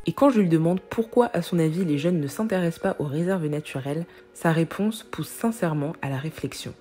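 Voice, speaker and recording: Woman host, low voice, calm scripted voice-over, clear music underneath. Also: fairly quick. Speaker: vlog host and narrator.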